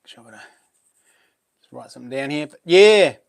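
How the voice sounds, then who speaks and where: A man's voice: on the high side, animated, brisk, gravelly, dry recording, studio quality. A man with a broad New Zealand Kiwi accent hosting a casual live stream, chatting to viewers in laid-back, matey slang.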